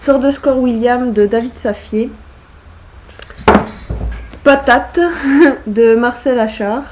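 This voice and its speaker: Chatty young woman, fairly high voice. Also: fairly even intonation, slow pace, very noisy. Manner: chatty, full of hesitations and fillers. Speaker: book vlogger. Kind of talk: casual chat.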